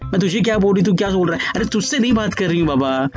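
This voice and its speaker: A man voicing a bossy, talkative older sister who talks quickly and scoldingly, juggling two conversations. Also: high-pitched, animated, highs cut off, music in the background. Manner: quick, scolding, talking over.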